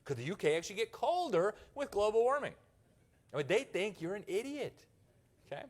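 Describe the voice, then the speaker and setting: A man's voice: high voice, big pitch swings, a little fast. A man from the United States giving a conference speech, with mocking, sarcastic asides. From United States (Miami). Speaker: journalist giving a conference talk.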